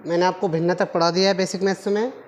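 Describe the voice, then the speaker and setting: A man's voice: high voice, flat delivery, fast talker, a little hiss or hum. A man teaching a maths class at a board, patiently asking his pupils rhetorical questions and answering them himself, calling them affectionately children. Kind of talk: classroom lesson explaining at a board.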